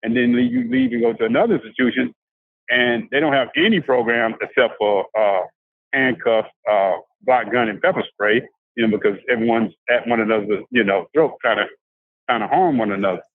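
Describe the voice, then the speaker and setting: An older man from South Carolina, a guest talking about life after prison in a halting, casual way with many restarts. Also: medium pitch, animated, creaky, no room sound. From South Carolina, USA. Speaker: formerly incarcerated guest. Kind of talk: casual conversational interview. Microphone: handheld phone on a video call. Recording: dry, tinny phone-like video call audio.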